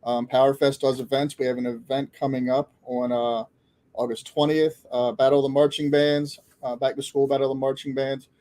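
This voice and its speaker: A man co-hosting a live community conversation, talking in a halting way with many restarts. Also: mid-range voice, level tone, dark tone. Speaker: co-host.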